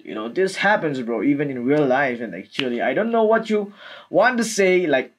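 A man gives casual reaction commentary in a halting, repetitive way, often saying "like" and "man". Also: on the high side, big pitch swings, a little hiss or hum. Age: 20s. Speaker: music video reactor. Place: small room indoors. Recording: music playing behind the voice. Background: music from the video being watched.

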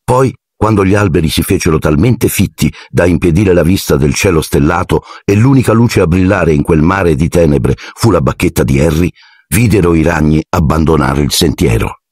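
A man narrating an audiobook in an expressive storytelling manner. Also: sits low, normal speed, husky, dry recording, studio quality. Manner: expressive storytelling, shifting into character voices. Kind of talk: scripted narration.

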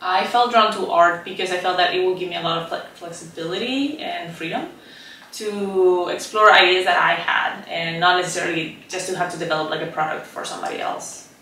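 A Chilean visual artist in her thirties speaks thoughtfully and softly in a documentary interview, reflecting aloud with lots of "like" and "um." Her voice is fairly low and fairly quick. She's recorded far from the mic in a roomy indoor painting studio that echoes.

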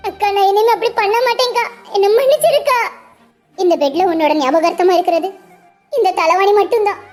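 A woman's voice: very high-pitched, fast talker, a little mellow, soft background music. A woman voicing a grieving little girl who pleads tearfully for her missing elder sister. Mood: tearful pleading. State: crying. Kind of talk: cartoon voice acting.

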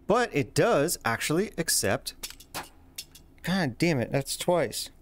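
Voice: mid-range voice, sing-song, slow pace, a little hiss or hum. A host giving casual, jokey commentary over a video game, playful and given to exclamations. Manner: playful, exclaiming, swearing at slips.

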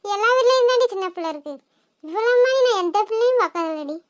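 A woman's voice: very high voice, expressive, fast, highs cut off. A woman with a Kanyakumari Tamil accent voicing a short-tempered village mother who scolds her child. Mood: scolding. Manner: scolding, exasperated.

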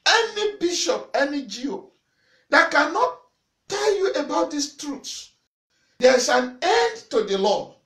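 A middle-aged man preaching to camera, repeating phrases and breaking into loud shouts. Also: very high voice, very animated, takes it slowly. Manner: forceful preaching with repetition and sudden loud shouts; waves arms and gestures while preaching. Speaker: pastor. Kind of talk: sermon to camera. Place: small indoor church room in front of a banner. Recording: echoey room.

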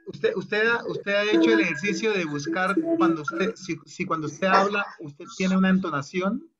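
Over loud music and with lo-fi sound, a high-voiced man at a moderate pace directs a choir on a video call. He explains the exercise, then half-sings the phrases to demonstrate in this online rehearsal.

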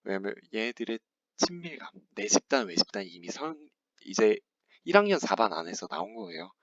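A young man giving a class presentation, lively and playful, acting out little scenes with a teacher and students. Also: mid-range voice, fairly quick, creaky. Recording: dry, dull lo-fi sound.

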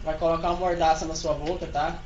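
A man's voice: on the high side, level tone, quick pace, dull audio, a loud crowd. A Brazilian man in casual gamer chat, directing his roleplay crew with short instructions. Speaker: player leading a roleplay crew. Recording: roomy sound with vehicle noise.

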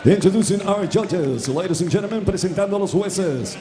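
A middle-aged man working as a bilingual boxing ring announcer in a lucha libre style, with booming showman calls, stretched words and rapid runs into a handheld microphone. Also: mellow. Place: boxing ring in an indoor arena. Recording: echoey arena PA with crowd noise.

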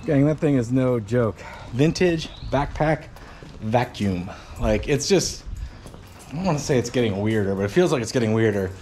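A man in his forties, a garage channel host, musing aloud in a casual, rambling way while clearing out a cluttered old workshop, filmed on a handheld action camera. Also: medium pitch, expressive, normal speed, a little mellow, slight background noise. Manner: rambling, musing, lots of fillers and trailing thoughts. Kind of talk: casual vlog commentary while cleaning. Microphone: action camera held at arm's length.

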